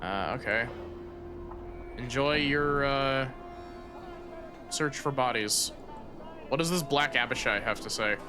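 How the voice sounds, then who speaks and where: A man's voice: mid-range voice, slow, pauses often. Man reading game text over music. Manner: casual, reads text aloud with hesitant fillers. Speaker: streamer playing a game. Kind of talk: let's play commentary, reading game text.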